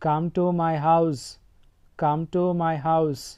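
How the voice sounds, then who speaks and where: A man whose first language is Telugu, with a Telugu accent, teaches everyday English sentences in a slightly high, flat voice. He speaks each line slowly and repeats it for learners. His tone is smooth, and the audio is dull and lo-fi. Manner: slow, deliberate repetition. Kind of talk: slow sentence drill, Telugu then English twice.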